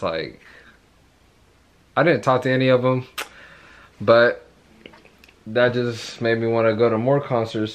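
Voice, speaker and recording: This twenty-something vlogger speaks in a lowish, hoarse voice, worn out from yelling at a concert. Holding his phone at arm's length, he talks casually to camera with excited rambling and plenty of repetition, first in his bedroom at home and then out walking on a suburban street.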